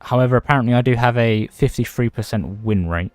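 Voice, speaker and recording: A man's voice: mid-range voice, fast, dry recording. A man casually chatting on a livestream from home, rambling between topics and greeting viewers by name. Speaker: livestreaming gamer.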